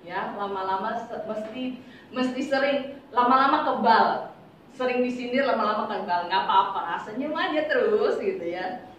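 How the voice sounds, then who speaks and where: A woman's voice: fairly high pitch, moderate pace, fairly bright tone, a little hiss or hum. A woman giving an informal devotional talk to a congregation, chatty and teasing, full of rhetorical questions. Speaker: devotional speaker. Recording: echoey, distant, dull room recording.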